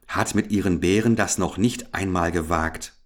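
A man's voice: low voice, moderate pace, lightly acted. A man voicing a poor, modest and honest young maid who answers timidly in a fairy tale reading. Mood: humble.

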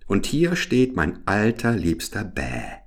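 A man's voice: on the low side, huge pitch swings, slow, exaggerated voice. A man voicing a fierce, wild little robber girl who talks in a bossy, teasing and threatening way.

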